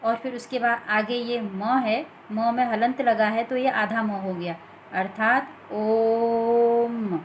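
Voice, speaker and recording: A woman teaching a grammar lesson, explaining slowly and deliberately from written notes with many pauses. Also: on the high side, steady tone, slight background noise, low-quality recording.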